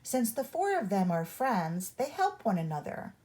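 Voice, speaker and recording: A storyteller reads a picture book to young listeners in a mid-range, darkish, sing-song voice, with deliberate, instructive read-along phrasing.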